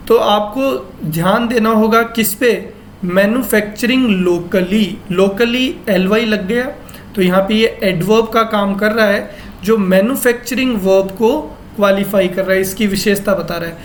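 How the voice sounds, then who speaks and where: A man teaches English grammar using a newspaper text, asking his class questions and answering them himself while reading the English sentences slowly, word by word. His voice is high-pitched, with slight background noise.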